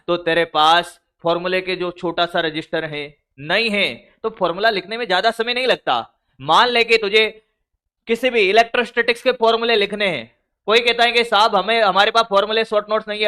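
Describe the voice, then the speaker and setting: A man's voice: sits high, sharp tone, clear, resonant tone. A physics teacher giving scolding, motivational study advice, full of rhetorical questions to his students.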